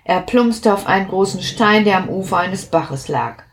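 A woman reading a children's story aloud, expressive and unhurried. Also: medium pitch, slight background noise.

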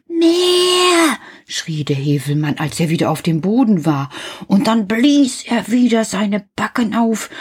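A woman reading a children's story aloud in a lively, expressive way, often dropping her voice softly. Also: on the low side, husky.

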